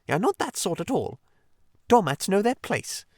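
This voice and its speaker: A man's voice: on the high side, huge pitch swings, unhurried, no echo, studio quality, voice pushed up, heavily acted. A man voicing a fussy, pettish male mole who is stubborn and literal-minded, speaking in a prim, indignant way.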